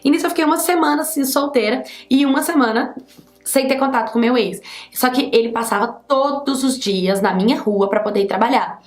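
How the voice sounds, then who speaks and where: A woman's voice: high voice, a little fast. A young woman with a Brazilian accent telling a personal story in a chatty, emphatic way. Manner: chatty, emphatic, many fillers. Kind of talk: casual storytime. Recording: echoey room.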